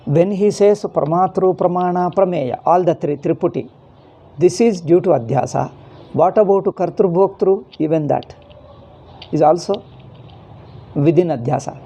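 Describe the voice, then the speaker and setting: A man's voice: sits high, dark tone, lo-fi sound. A man with a South Indian accent, a native Kannada speaker, giving an informal scriptural lecture, repeating key phrases and answering his own questions.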